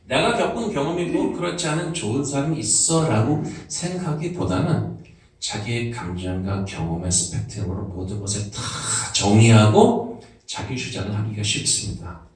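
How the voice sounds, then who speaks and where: Animated pastor preaching in an echoey church. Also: male voice, medium pitch. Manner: conversational preaching, lively rises and drops. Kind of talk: sermon. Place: church sanctuary. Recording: echoey church hall, distant mic.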